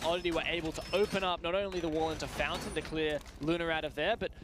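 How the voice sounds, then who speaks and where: A man commentating live on an esports match in an excitable, enthusiastic manner. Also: a little high, fast. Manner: excitable, with exclamations at big plays; self-confessed nerdy enthusiasm. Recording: clearly noisy background.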